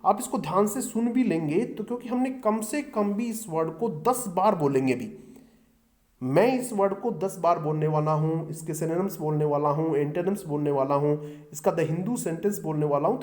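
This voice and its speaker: A man's voice: on the high side, moderate pace, a little mellow. A middle-aged man teaching exam vocabulary, often asking his students a question and then answering it himself. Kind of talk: exam-prep vocabulary lesson.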